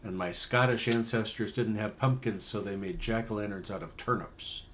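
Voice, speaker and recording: A man with a fairly low voice chats casually as co-host, passing along viewer comments. A faint hiss of background noise sits under his voice. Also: normal speed. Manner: relays viewer comments and shout-outs. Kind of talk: casual chat.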